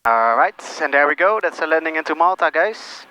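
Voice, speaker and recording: A male pilot giving calm, procedural commentary on his flight over a cockpit headset, talking casually and making radio readbacks. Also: a little high, a little fast, clear, resonant tone, low-quality recording. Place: small aircraft cockpit in flight. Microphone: aviation headset. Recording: cockpit headset audio with engine noise.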